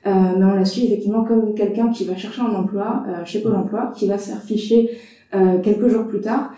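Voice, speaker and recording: A woman's voice: mid-range voice, steady tone, brisk, warm tone. Woman chatting about films, lots of euh, roomy echo, kinda far from the mic. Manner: hesitant, many fillers. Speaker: film critic panelist. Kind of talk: casual discussion.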